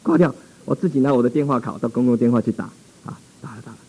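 A man's voice: mid-range voice, very fast, warm tone, husky, rough recording. A male pastor telling a dramatic, exclamatory testimony in a sermon.

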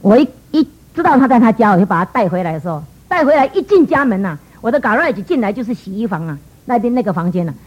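A middle-aged woman giving an earnest, emotional church testimony, telling a personal story with lively quoted dialogue. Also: fairly high pitch, fast talker, few pauses, husky, low-quality recording.

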